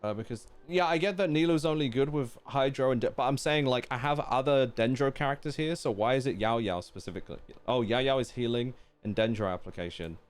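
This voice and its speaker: Smooth and a little fast, with hardly any pauses, the man's medium-pitched voice runs over game music. He's playing a game live, chatting casually, thinking aloud, and posing questions to viewers.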